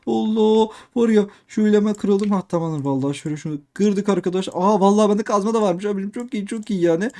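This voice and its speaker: A young man doing excitable game commentary, repeating himself and talking straight to his viewers. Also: high-pitched, quick pace, hardly any pauses. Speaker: gaming youtuber. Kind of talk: let's play commentary.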